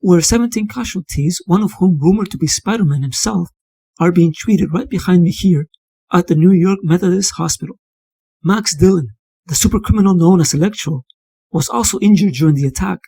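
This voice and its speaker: A man's voice: sits high, fairly quick, vocal fry, dark tone, husky, no room sound, heavily acted. A man voicing a television news reporter in a formal news report delivery.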